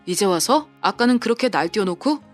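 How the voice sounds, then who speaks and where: A big, burly off-duty policeman, voiced by a woman in an audio drama, cool and mocking, firing cold sarcastic questions at mid pitch. Faint music plays under the voice. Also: animated, a little fast, natural voice.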